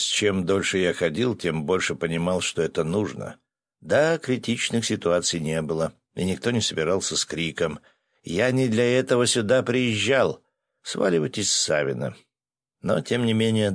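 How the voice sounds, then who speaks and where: A man's voice: low-pitched, no echo, studio quality. A man narrating an audiobook in the first person, telling the story expressively.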